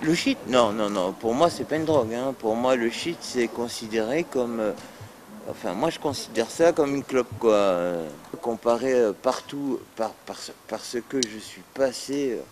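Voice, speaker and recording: Casting: middle-aged man, relaxed frank talk, hesitant fillers, light background hiss. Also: mid-range voice, normal speed. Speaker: interviewee. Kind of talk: casual interview talk.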